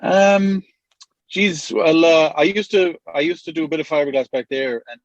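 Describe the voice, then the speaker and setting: A man's voice: on the high side, moderate pace, dry recording, lo-fi sound. A man from Connemara with a west of Ireland accent, chatting casually and easily as an interview guest. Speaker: podcast guest. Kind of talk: casual chat. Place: inside a car.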